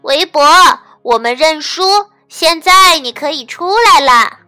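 A playful female elephant from a storybook who teases her friends and tells them what to do, as a woman reads her aloud. The voice is high and bright, bouncing widely up and down, and a soft backing of music plays faintly behind it. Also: expressive, unhurried, full character voice. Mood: calling. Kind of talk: storybook reading.

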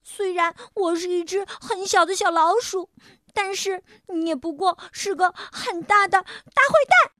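A woman voicing a tiny, timid mouse who finally shouts back, in a children's storybook reading. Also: measured pace, no room sound, clean studio sound, exaggerated voice. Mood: angry. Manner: shrill, shouting.

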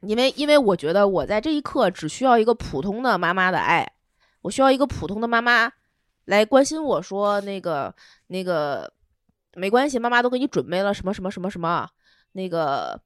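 A young woman, hosting a podcast and telling a personal story in an emotional, animated way. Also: medium pitch, fairly quick, no echo, clean studio sound. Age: young adult. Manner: emotional, animated retelling with quoted dialogue. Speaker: podcast host. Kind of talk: casual storytelling chat.

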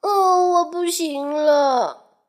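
A woman voicing a timid little fish in a children's story, with a very high, quick, awed voice. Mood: faint.

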